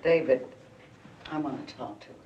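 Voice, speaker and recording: An actress playing a weary, patient playwright who speaks slowly and deliberately. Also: female voice, rumbling low, warm tone, dull audio. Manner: slow and deliberate, coaxing. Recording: roomy, distant film audio with faint hiss.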